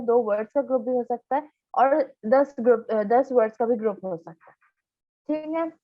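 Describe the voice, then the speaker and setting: A woman teacher giving a grammar lesson, explaining step by step, checking in often and reading example sentences slowly. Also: a little high, phone-quality sound. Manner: reads English examples slowly and deliberately. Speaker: English teacher.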